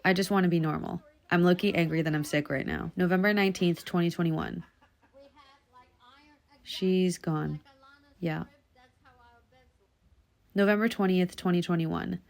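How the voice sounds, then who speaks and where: A woman reading personal journal entries aloud in a quiet, subdued, confessional way. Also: fairly low pitch, fairly even intonation, measured pace, creaky, pauses often.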